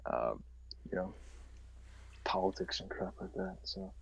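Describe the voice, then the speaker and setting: A man's voice: low-pitched, lively intonation, measured pace, gravelly, breathy edge. A young man co-hosting a livestream, chatting casually and rambling with lots of fillers. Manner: laid-back, rambling with many fillers. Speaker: livestream co-host. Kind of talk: casual chat.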